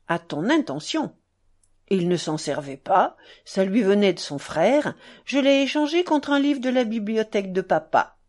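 A woman reading the part of an eager, proud schoolboy who talks in a lively, boastful, hurried way. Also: medium pitch, lightly acted. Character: eager proud schoolboy showing off his dog.

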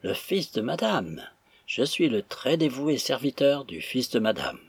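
A man voicing a boisterous, impatient male stranger who talks loudly and theatrically. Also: mid-range voice, sing-song, a little slow, breathy edge, dry recording, heavily acted. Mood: swaggering. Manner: loud, mocking, theatrical.

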